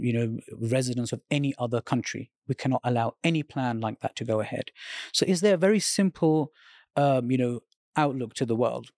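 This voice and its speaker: A man from Britain, heard in a dry recording, answers an interviewer at length in an earnest way. His voice sits at a middle pitch, and he retells conversations in detail. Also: warm tone, dry recording. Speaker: interview guest.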